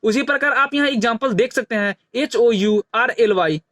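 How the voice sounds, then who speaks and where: A man's voice: extremely high pitch, normal speed, a bit bright, dry recording. A man teaching English pronunciation. He spells words out letter by letter and keeps asking and then answering his own questions. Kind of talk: phonics lesson.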